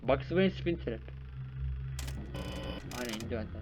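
A young man hosting a gaming channel, giving excited live commentary on a horror game and scolding its characters. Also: mid-range voice, unhurried, a little hiss or hum, poor audio. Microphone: desk microphone.

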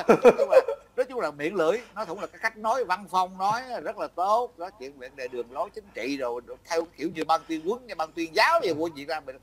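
A man's voice: a little high, lively intonation, quick pace, hardly any pauses, fairly bright tone. An older man from Vietnam, chatting casually as an interviewee, rambling and breaking off with frequent laughs. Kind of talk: casual chat.

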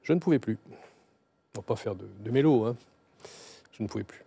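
Gruff older man, blunt and halting. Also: medium pitch, mellow, no room sound. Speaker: novelist guest. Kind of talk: televised literary talk. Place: TV studio.

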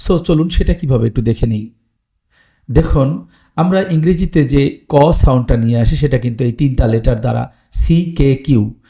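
Gravelly-voiced male pronunciation teacher. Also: medium pitch, moderate pace, dark tone. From Bangladesh or West Bengal. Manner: plain explanatory, with frequent "ah" fillers. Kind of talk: online lesson.

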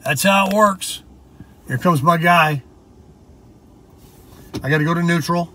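An American man vlogs casually to camera from inside a car and out in a parking lot, with car and outdoor noise clearly audible. His voice is fairly high and sharp, his pace measured, as he explains things in a rambling, conversational way.

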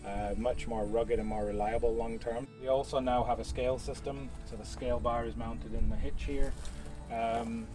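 A man's voice: medium pitch, fairly even intonation, moderate pace, far from the mic, music in the background. A man in his thirties, a product specialist giving a casual outdoor equipment demo, with frequent fillers. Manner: casual, many fillers, explanatory. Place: outdoors at a farm equipment show.

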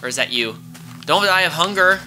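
A man's voice: fairly high pitch, animated, a little fast, bright, forceful tone, soft background music. A man casually commentating a video game he plays with his child, chatty and exclaiming as he thinks aloud. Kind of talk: casual let's-play commentary.

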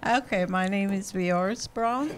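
A woman's voice: medium pitch, measured pace, slight background noise. A woman in her seventies, from Jamaica, giving a short plain introduction. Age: 70s. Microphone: handheld mic.

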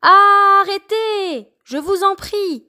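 A woman voicing a timid letter A who stammers and pleads slowly in a children's story. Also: very high voice, sharp tone, pitched above the performer's own voice, exaggerated voice. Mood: pleading.

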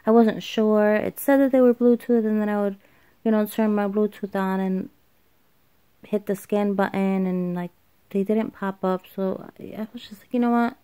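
A woman's voice: medium pitch, level tone, moderate pace, dark tone, clear, resonant tone. A woman doing a casual voiceover for her craft haul video, tired, rambling and correcting herself as she goes. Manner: rambling, self-correcting, with fillers. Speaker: craft vlogger. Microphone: home voiceover microphone.

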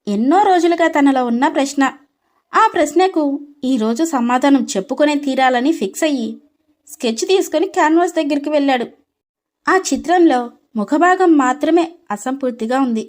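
A woman narrating an animated storybook with expressive, scripted storytelling. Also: sits high, normal speed.

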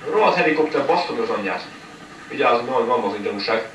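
A man giving live commentary on his own game run, cursing all the time and snapping into angry yells. He sounds set back from the mic in an echoey room, with a faint hiss underneath. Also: mid-range voice, lively intonation, far from the mic. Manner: swears constantly, frustrated outbursts. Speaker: gamer commentating a playthrough.

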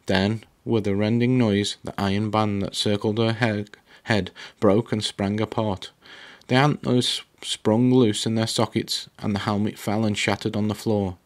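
A man narrating a novel aloud in a steady, dramatic reading with small slips. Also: on the low side. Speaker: book reader. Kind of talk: audiobook narration.

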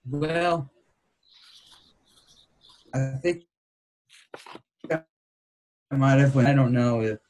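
A man's voice: mid-range voice, drawn-out words, long pauses, a little mellow, low-quality recording. A man in an online class, speaking hesitantly over a video call whose audio is glitchy and keeps cutting out. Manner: hesitant, unsure. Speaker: student in an online faith class.

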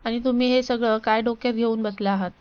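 Woman voicing a betrayed wife, pleading and accusing, smooth clear tone, even pitch. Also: fast talker, lo-fi sound, lightly acted. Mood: upset. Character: hurt, pleading young wife and mother.

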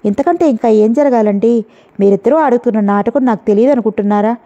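A woman's voice: a little high, quick pace, natural voice. A woman voicing a bitter jealous young wife. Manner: sharp, sarcastic taunts. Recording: dull lo-fi audio.

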